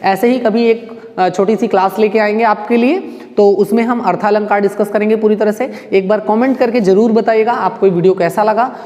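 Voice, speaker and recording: A man's voice: high voice, steady tone, a little fast, few pauses, a little mellow. A male teacher giving an exam-prep grammar lesson. He keeps asking the class rhetorical questions and checking with "right?". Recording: long echoing reverb.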